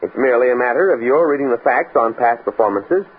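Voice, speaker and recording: An actor playing an earnest, stuffy young academic in an American radio drama, speaking precisely and pedantically with an American accent. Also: male voice, medium pitch, animated, fast talker, slightly rough, phone-quality sound. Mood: confident. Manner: precise, bookish, stammers when flustered. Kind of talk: mid-century American radio drama acting. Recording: scratchy, band-limited old radio recording with noise.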